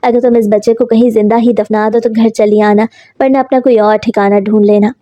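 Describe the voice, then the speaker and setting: A woman's voice: on the high side, little pitch movement, a little fast, warm tone, dry recording, lightly acted. A woman reading the lines of a cold, cruel older stepmother in a spoken story, speaking with bitter scorn. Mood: scornful.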